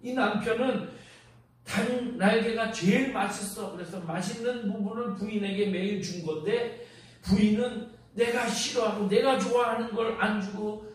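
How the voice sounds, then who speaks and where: A man's voice: sits high, normal speed. A middle-aged male pastor delivering a storytelling sermon, speaking directly to the congregation in a large church. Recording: very echoey hall from far off.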